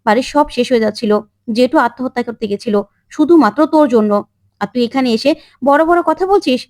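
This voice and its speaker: A woman's voice: sits high, brisk, darkish tone, no echo, clean studio sound, close to an everyday voice. A woman voicing a young man who harshly scolds his cousin. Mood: scornful. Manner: scornful, scolding.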